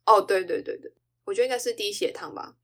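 A woman's voice: medium pitch, fast. A woman hosting a podcast, telling stories in casual chat and acting out the quoted lines, with frequent laughter. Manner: expressive storyteller, acts out quoted dialogue, laughs often. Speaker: podcast host.

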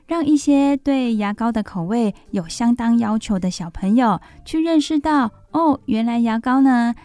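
A woman with a Taiwanese Mandarin accent hosting a children's radio storytime, speaking gently and simply as if reading to a toddler. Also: fairly high pitch, no echo. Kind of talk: children's radio presenting, talking to young listeners.

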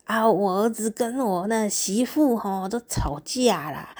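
A woman voicing an earnest, chatty elderly grandmother who drags out her words slowly. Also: medium pitch, lively intonation, darkish tone. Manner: drawn-out, slow, with frequent drawled particles.

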